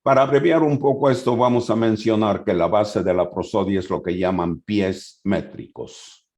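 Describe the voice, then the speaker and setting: Deep-voiced man giving a lecture. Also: normal speed, a little mellow. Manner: reads from an appendix then explains loosely with hesitations. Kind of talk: conference talk reading from notes.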